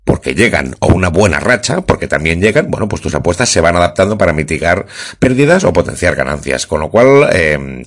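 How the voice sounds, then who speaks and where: A man's voice: sits low, sing-song, a little fast. A man, hosting a podcast in a chatty way and repeating words for emphasis. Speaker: podcast host. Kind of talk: casual podcast talk.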